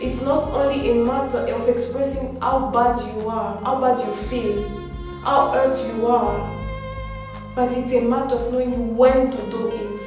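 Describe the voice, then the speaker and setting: A woman's voice: a little high, steady tone, measured pace. A woman giving a motivational speech in an earnest, exhorting way, repeating phrases for emphasis. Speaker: motivational speaker. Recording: very echoey, distant mic, music behind.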